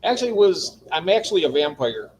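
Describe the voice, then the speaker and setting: A man's voice: a little high, big pitch swings, fast talker, slight background noise, low-quality recording. A man co-hosting a casual livestream, joking around, laughing often and reading chat comments aloud. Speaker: livestream co-host.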